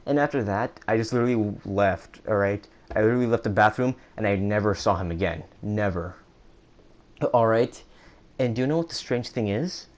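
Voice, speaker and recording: A young man rambling through a casual storytime monologue, with many restarts, who acts out quotes in a higher voice. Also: moderate pace. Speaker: vlogger.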